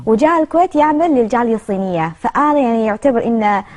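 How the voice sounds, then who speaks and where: Fast-talking woman with a Kuwaiti Gulf Arabic accent. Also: a little high, lively intonation, darkish tone. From Kuwait, raised there. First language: Chinese, spoken with her parents. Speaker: interview guest. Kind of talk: conversational interview answers.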